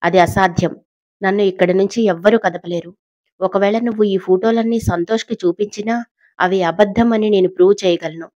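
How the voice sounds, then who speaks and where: A woman's voice: mid-range voice, steady tone, a little fast, a little mellow, no room sound, natural voice. Woman doing arrogant angry matriarch, tense, audio drama, dry dull recording. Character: proud powerful older woman, cornered and angry.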